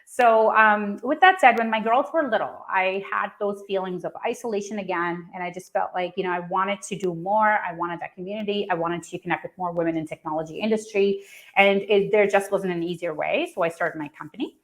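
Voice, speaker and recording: A woman's voice: mid-range voice, a little fast. A woman in her thirties from Pakistan, telling her personal story at a startup event in a conversational way with lots of fillers and restarts. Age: 30s. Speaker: founder and speaker.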